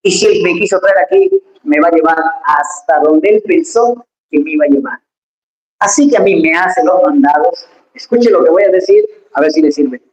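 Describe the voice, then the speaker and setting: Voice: medium pitch, normal speed. Emphatic preacher in echoey church. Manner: lively, emphatic, addresses the congregation directly. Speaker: pastor. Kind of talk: sermon.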